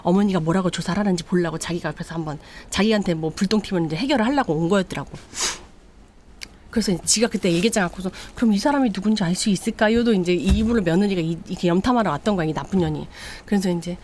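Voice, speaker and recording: A woman's voice: fairly low pitch, quick pace, a little mellow, a little hiss or hum. A woman hosting a late-night radio live, retelling a story in a chatty, dramatic way. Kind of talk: casual storytelling.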